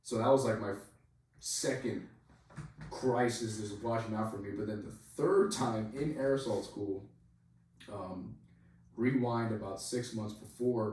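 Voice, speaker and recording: Guy rambling through an army story, lowish voice, lots of "like", sounds far off the mic. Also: darkish tone. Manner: rambling, heavy use of "like", swears freely. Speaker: podcast guest telling a story; soldier. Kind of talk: casual storytelling. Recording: very echoey room, voice far from mic.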